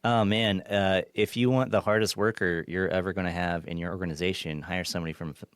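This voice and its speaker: Deep-voiced man in a relaxed interview. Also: quick pace, smooth, no echo, clean studio sound. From Kansas, US. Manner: relaxed, frequent restarts, laughs easily, swears casually. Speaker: podcast guest, former assistant director. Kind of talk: casual interview chat.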